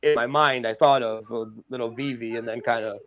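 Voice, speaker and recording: A man chatting casually as a podcast guest, talking excitedly with lots of fillers about his art. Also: medium pitch, fairly quick, muffled recording, crowd noise. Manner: excited, rambling, many fillers. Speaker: guest artist.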